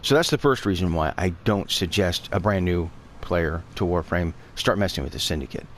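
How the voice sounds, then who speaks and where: Stuffy from allergies, a man who makes gaming guides talks through a game tutorial in a relaxed, rambling style full of fillers and self-corrections. His voice sits low at a moderate pace, with slight background noise.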